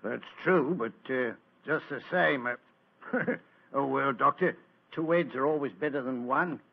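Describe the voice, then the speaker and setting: An actor playing a plain-spoken police inspector in an old radio drama, blunt and folksy. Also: male voice, medium pitch, a little slow, vocal fry, breathy edge. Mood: wry. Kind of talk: 1940s radio drama acting. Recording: muffled old radio broadcast.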